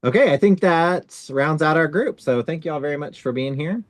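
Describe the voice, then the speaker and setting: Man hosting a relaxed video call. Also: fairly high pitch, a little fast, no echo. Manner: relaxed, many fillers like "kind of". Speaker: synod staff leading a video-call orientation.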